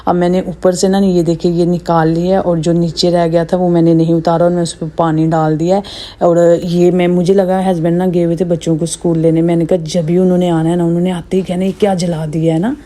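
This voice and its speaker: A woman in her thirties with a sore, slightly hoarse throat, chatting through a casual vlog voice-over. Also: fairly low pitch, little pitch movement, a little fast, dark tone. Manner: chatty, rambling storytelling. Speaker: vlogger narrating her day.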